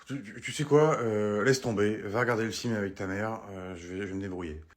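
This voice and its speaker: A worn-out father, played by a man, scolding his child and then dropping into low, sighing curses. Exasperated through and through. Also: fairly quick, lightly acted. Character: exasperated father, swearing under his breath. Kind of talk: comic sketch acting.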